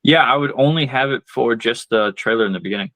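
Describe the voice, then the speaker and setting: A marketing strategist guesting on a podcast talks fast in a mid-range, slightly bright voice, with no room sound. He gives casual advice, walking through ideas step by step with lots of fillers and asides.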